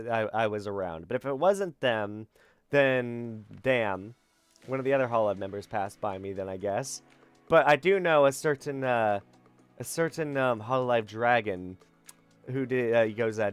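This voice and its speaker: A man's voice: medium pitch, smooth, no room sound. A young man streaming as a VTuber, chatting casually and rambling with lots of fillers and self-corrections, sounding tired. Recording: faint background music.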